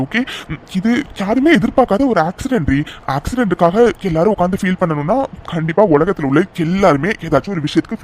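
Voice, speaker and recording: A man's voice: a little high, slight background noise, natural voice. A man voicing a loving young groom in a cartoon, soothing and coaxing his frightened fiancée.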